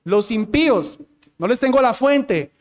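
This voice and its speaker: High-voiced male pastor preaching. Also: lively intonation, unhurried. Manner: demonstrates voice inflections, talks with the congregation. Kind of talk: sermon teaching.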